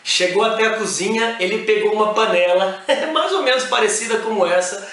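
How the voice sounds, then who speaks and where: A man's voice: high voice, a little fast, a bit bright. A man, a sales and motivation speaker, talking directly to his listeners and calling them friends. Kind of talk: motivational talk. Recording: very echoey room.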